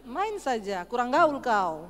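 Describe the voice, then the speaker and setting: A woman pastor from Sulawesi with a Sulawesi accent, preaching a sermon with humorous, animated storytelling. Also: a little high, slow. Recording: echoey church hall with faint music.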